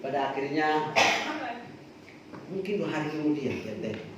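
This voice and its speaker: Preacher in an echoey church hall. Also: male voice, a little high, moderate pace, very noisy. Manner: animated storytelling with bursts of loud emphasis. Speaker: pastor. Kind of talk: sermon. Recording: distant, echoey, dull church recording.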